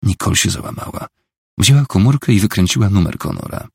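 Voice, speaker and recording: Gravelly, husky male audiobook narrator. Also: low-pitched, expressive, fast talker, no echo, clean studio sound. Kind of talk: scripted novel narration.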